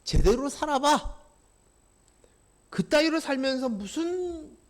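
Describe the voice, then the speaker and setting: A man's voice: very high-pitched, very animated, takes it slowly, bright, forceful tone, pitched above the performer's own voice, heavily acted. A man voicing a sneering, contemptuous male accuser spirit who barks harsh, belittling commands. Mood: taunting.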